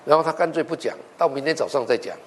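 A man's voice: a little high, fast talker, slight background noise. Male pastor, sermon storytelling that acts out the dialogue, in a reverberant church hall. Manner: animated storytelling, acting out quoted dialogue.

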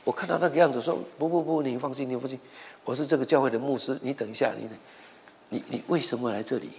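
A man's voice: medium pitch, quick pace, gravelly, darkish tone, a little hiss or hum. A middle-aged male pastor preaching a sermon, telling stories with acted-out dialogue and often repeating words as he goes. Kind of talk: sermon with storytelling.

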